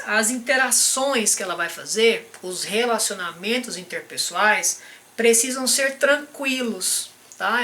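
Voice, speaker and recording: Speaking straight to viewers in a live-stream teaching talk, this Brazilian Portuguese-accented man coaches on behavior and emotional intelligence, frequently tossing in a quick "tá?". His voice sits high and sounds pushed and bright.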